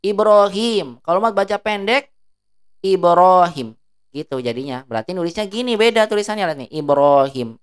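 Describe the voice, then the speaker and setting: Low, smooth-voiced woman teaching. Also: lively intonation. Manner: drills words slowly, stretching long vowels; asks the class check questions. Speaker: Arabic teacher. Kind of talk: teaching a class.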